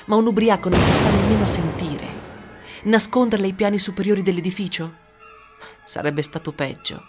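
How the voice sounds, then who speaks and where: A narrator reading a first-person story aloud with steady storytelling. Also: mid-range voice, fairly quick. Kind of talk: audiobook narration. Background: music.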